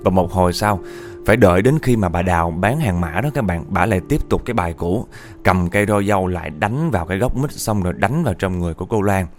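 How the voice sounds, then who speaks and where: A man's voice: sits low, expressive, fast. A man tells a ghost story in a chatty, conversational way. He keeps turning to address his listeners directly, and faint music plays underneath.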